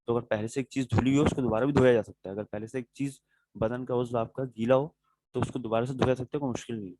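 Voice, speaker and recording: A man's voice: medium pitch, fairly even intonation, mellow, no room sound, rough recording. A male religious teacher giving a classroom lecture on religious rulings. He explains step by step, answers his students' questions directly and keeps checking that they follow.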